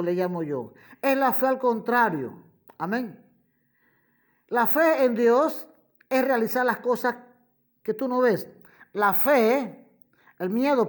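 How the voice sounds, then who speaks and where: Slow, emphatic woman preaching. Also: fairly high pitch. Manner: addresses listeners as brother and friend listener. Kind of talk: sermon. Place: radio program.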